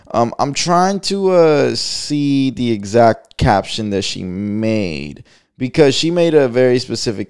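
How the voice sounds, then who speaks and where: A man with a smooth, darkish, mid-range voice hosts a casual commentary channel. He talks in loose, slangy, profane bursts, laughs often, and rambles along with frequent restarts.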